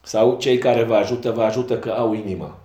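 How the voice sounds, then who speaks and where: A man's voice: on the low side, steady tone, mellow. A man speaking as a football coach at a post-match press conference, frank and self-critical. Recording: roomy echo.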